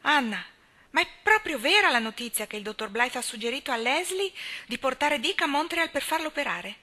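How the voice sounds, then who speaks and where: A woman voicing an outspoken, indignant older spinster who scolds in a high, emphatic voice. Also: animated, brisk, pushed and bright.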